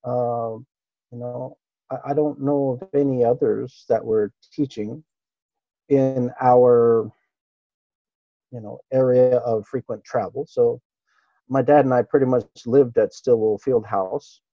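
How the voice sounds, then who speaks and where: As an interview guest, a middle-aged Okinawan martial artist whose first language is Japanese looks back on his childhood in a relaxed, reminiscing conversation, hesitant and easygoing with many fillers and soft laughs. His mid-range voice is steady and slow. There's no room sound, and the high frequencies are cut off.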